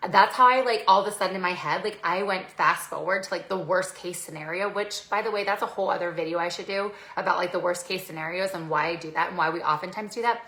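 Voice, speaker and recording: A woman's voice: fairly low pitch, fast talker, hardly any pauses, bright, forceful tone. A woman in her forties telling a personal story to camera in a chatty way, full of fillers, acting out what people said. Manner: chatty, many "like" fillers, acts out quotes. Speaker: vlogger. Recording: echoey room.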